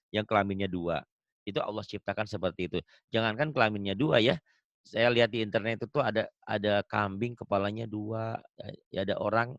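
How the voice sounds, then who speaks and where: Lively, bright-voiced male tutor. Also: medium pitch, no room sound. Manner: patient, questioning, repeats points, animated rises on questions. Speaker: Quran recitation teacher. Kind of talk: one-on-one tajwid lesson.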